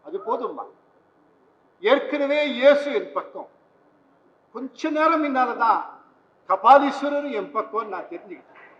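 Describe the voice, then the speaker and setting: A kindly, quietly wry priest in an old stage play, his voice sitting unusually high. It sounds far off in a big echoing hall, on a dull old recording. He talks with calm theatrical care. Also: measured pace, pauses often, heavily acted. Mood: gentle. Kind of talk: vintage stage play acting.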